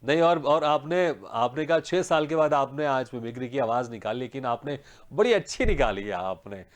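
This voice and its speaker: A man's voice: mid-range voice, lively intonation, normal speed. A male TV host asking long, rambling questions full of repeated words, laughing and encouraging his guest. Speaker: host, interviewer. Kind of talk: TV interview.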